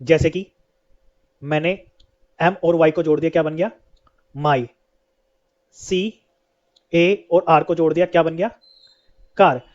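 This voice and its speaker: A man teaches an English lesson at a steady pace, asking a question and then answering it himself. His voice sits fairly high and sounds mellow and soft-edged. The recording is dull and lo-fi. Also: slow, pauses often.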